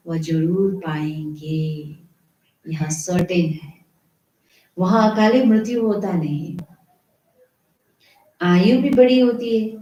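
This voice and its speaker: Slow, mellow woman preaching in an echoey room. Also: mid-range voice. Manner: slow, explanatory preaching with rhetorical questions. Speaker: spiritual teacher. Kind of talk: devotional murli reading with commentary.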